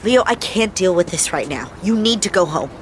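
A middle-aged woman playing a defiant, protective mother on the run in an audio drama, blunt and sharp-tongued. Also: on the low side, lively intonation, normal speed, slight background noise, natural voice. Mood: stern, worried. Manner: blunt, swearing.

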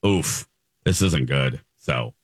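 A man's voice: extremely low pitch, takes it slowly, breathy edge, no echo, studio quality. A man hosting a morning radio show, chatty and emphatic, repeating phrases for effect. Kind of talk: radio talk, chatty commentary and teases. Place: dry radio studio.

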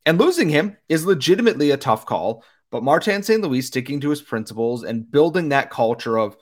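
A man with a slightly hoarse, talked-out voice hosting a sports podcast and giving commentary. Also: on the high side, expressive, brisk. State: slightly hoarse from a lot of talking.

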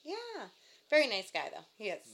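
A woman with a Boston accent, a guest from Lowell chatting casually on a talk show. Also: wildly swooping pitch, moderate pace, gravelly, a crowd in the background. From Lowell, Massachusetts, USA. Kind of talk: casual chat.

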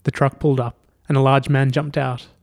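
Male narrator for a read-aloud story; steady, dry close recording. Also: medium pitch, fairly quick, dry recording. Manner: steady storytelling with quoted dialogue. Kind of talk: scripted narration.

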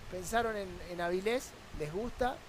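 High-voiced Argentine man arguing football. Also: normal speed, crowd noise. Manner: argumentative, rhetorical questions. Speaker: sports journalist guest. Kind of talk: sports talk panel discussion.

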